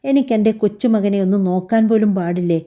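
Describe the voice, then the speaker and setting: A possessive older grandmother in a spoken family story, read by a woman. She talks insistently and pleads when refused. The voice is very dark and mellow. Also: medium pitch, fast, natural voice. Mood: hurt.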